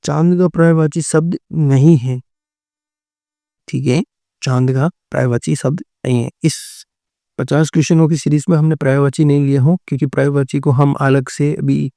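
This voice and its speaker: A man's voice: medium pitch, level tone, moderate pace, vocal fry, mellow, no echo, clean studio sound. A man teaching a Hindi exam-prep class, going through multiple-choice answers and often repeating words and answers. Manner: repeats words and answers, often says "theek hai" and "right".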